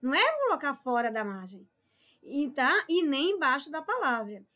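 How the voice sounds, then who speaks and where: High-pitched woman teacher in her 40s, emphatic online lesson, chatty scolding tone. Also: sing-song, normal speed, pushed and bright. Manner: chatty, scolding, emphatic, calls viewers "povo lindo".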